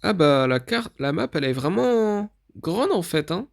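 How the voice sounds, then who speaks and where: A man's voice: high voice, very animated, measured pace, creaky. A man giving casual let's-play commentary, thinking aloud as he reads through menus and often admits he is unsure what things mean. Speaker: gaming video creator.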